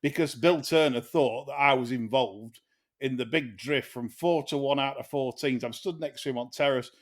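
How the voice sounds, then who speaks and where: A man hosting a horse racing podcast in relaxed, profane banter with his co-hosts. He talks at a middling pitch and laughs often as he tells stories. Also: normal speed. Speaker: podcast host. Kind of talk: casual chat.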